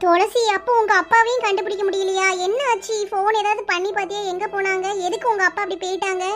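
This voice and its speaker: A woman voicing a caring, motherly village woman in a cartoon, sympathetic and quick to anger on another's behalf. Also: very high voice, fairly even intonation, faint music behind. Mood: concerned. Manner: sympathetic, indignant, fussing. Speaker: elder sister figure. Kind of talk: cartoon voice acting.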